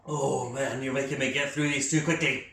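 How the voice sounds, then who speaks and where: Bright-voiced man reviewing food, echoey. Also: mid-range voice, fairly even intonation, moderate pace. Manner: enthusiastic, talks while chewing. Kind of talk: casual food tasting commentary. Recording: echoey room.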